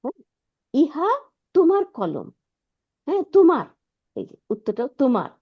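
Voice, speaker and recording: A woman runs an online Arabic lesson, her higher voice rising and falling a lot as she explains. She patiently repeats words and keeps checking whether her student follows. The sound is dull and lo-fi, like an online call. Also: huge pitch swings, moderate pace. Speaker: Arabic teacher.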